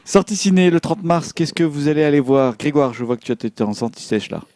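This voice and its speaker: Homme animateur rapide, voix grave et sèche. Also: male voice, on the high side, animated, a little mellow, no room sound. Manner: laughs often, quick banter. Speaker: host. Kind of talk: casual film chat.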